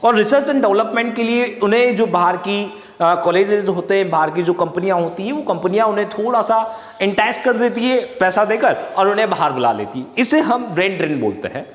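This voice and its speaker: A man's voice: high voice, a little fast. A man explaining current affairs to exam students, often repeating and correcting himself and mixing in English terms. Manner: repetitive, self-correcting, mixes English terms. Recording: echoey room with long reverb.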